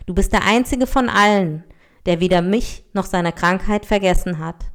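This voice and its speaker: Life, a wandering healer spirit, speaks in a calm, measured, solemn voice, as a woman reads it aloud. It is a plain storybook reading. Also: mid-range voice, natural voice. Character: Life, a wandering spirit who heals and tests people.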